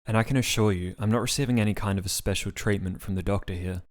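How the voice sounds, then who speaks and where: Guy reading a confused earnest man, pleading, low deep voice. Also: fast, lightly acted. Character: confused earnest man patient who forgets names.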